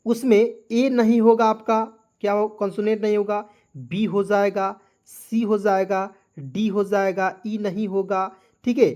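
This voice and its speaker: A man's voice: sits high, level tone, a little slow, darkish tone. A man teaching a beginners' lesson, spelling words out letter by letter and often checking that listeners follow. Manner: repeats checks like "clear?" and "okay ji". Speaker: English teacher.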